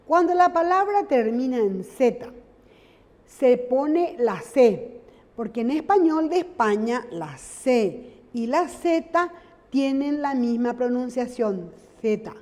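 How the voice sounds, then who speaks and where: A high-pitched woman from Latin America gives a recorded grammar lesson. She talks slowly and patiently, stopping often to check that her students follow. The recording has a long reverb. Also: expressive, a little mellow. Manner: patient, explains step by step, checks in with "¿sí?". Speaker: teacher.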